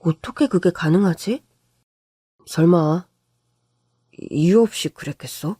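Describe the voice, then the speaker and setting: A woman voicing a calm, weary husband who speaks low and subdued. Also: slow pace, breathy edge, no room sound, studio quality. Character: weary calm husband, low-voiced, fed up with his mother.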